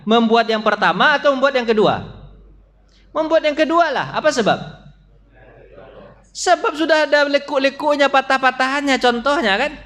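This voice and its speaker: A high-pitched male preacher leads a mosque's dawn study session in its hall, his Indonesian accent mixed with Malay-style expressions. He frequently questions the congregation, addressing them as "Pak," acts out small noises and voices, and alternates booming, lifted moments with quiet, low remarks.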